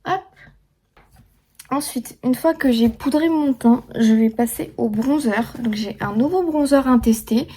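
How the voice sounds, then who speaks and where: A woman's voice: on the high side, unhurried, mellow, husky. A young woman chatting casually through a makeup tutorial, full of fillers and restarts. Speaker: beauty vlogger.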